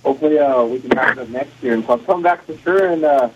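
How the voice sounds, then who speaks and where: A man's voice: mid-range voice, fast, noisy background. A racing driver, a man, giving a matter-of-fact phone-in interview, his voice heard over a phone line. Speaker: off-road racer calling in as guest.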